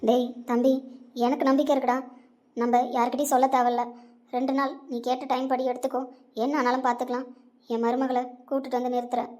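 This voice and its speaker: A woman's voice: high voice, flat delivery, quick pace, warm tone, natural voice. A woman playing a worried middle-aged mother who scolds and comforts her grown son. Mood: tender. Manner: pleading, scolding, tender. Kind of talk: web series drama acting.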